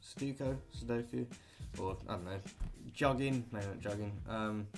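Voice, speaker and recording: A young man with a British accent rambles through a casual list, trailing off into offhand jokes. His voice sits a little low. Faint music plays behind him. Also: moderate pace. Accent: British English. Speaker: vlogger. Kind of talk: casual listicle monologue.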